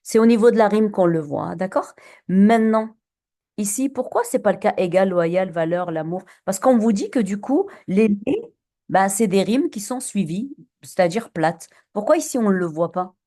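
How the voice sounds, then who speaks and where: A woman's voice: mid-range voice, expressive, moderate pace, mellow. A woman teacher giving a classroom lesson on poetry, patient and questioning, with many fillers and restarts.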